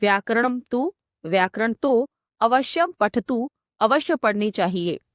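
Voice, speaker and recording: A woman's voice: on the high side, expressive, slow pace, dry recording, studio quality. A woman teaching a school textbook lesson, reading each phrase aloud and then explaining it, line by line. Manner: reads each Sanskrit phrase, then gives its meaning. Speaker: Sanskrit teacher.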